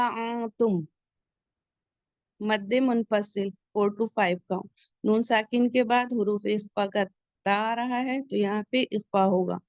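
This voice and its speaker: Slow, patient woman teaching recitation rules. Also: fairly high pitch, darkish tone, clean tone, no room sound. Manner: patient, explains each rule slowly and repeats key points. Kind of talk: step-by-step recitation lesson. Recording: dull lo-fi sound.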